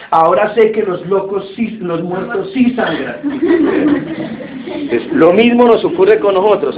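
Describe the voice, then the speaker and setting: A man preaching a sermon, telling anecdotes in an animated way and acting out the quotes. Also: fairly high pitch. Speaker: pastor. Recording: tinny phone-like audio with faint hiss.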